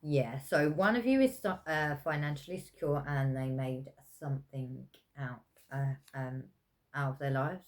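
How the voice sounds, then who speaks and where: A woman giving a casual pick-a-pile tarot reading, talking in a meandering, hesitant way with many fillers, self-corrections and soft laughs. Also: very deep voice, a little slow. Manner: chatty with frequent soft laughs. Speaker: tarot reader.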